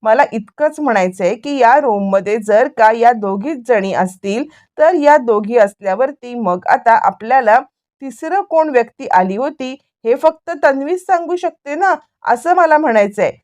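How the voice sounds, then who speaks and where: A cautious sister-in-law who reasons point by point with hesitant restarts, voiced by a woman narrator. Her tone is fairly high and plain, close to the teller's own. The careful, halting logic carries the role. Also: animated, darkish tone, lightly acted.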